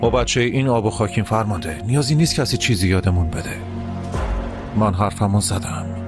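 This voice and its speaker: Man dubbing a defiant young man, firm, low voice, score behind. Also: animated, over loud music, natural voice. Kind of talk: dubbed television drama.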